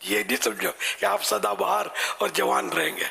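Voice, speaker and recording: An older man answering religious questions in a folksy, conversational way, quick to laugh. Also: sits high, gravelly, bright, forceful tone.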